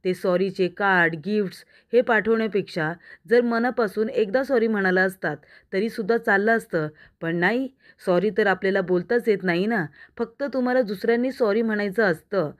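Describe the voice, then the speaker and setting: A woman reading the lines of a sharp-tongued young wife who scolds her husband with pointed questions, in a story recap. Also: mid-range voice, close to an everyday voice. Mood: reproachful. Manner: reproachful, rapid-fire questions.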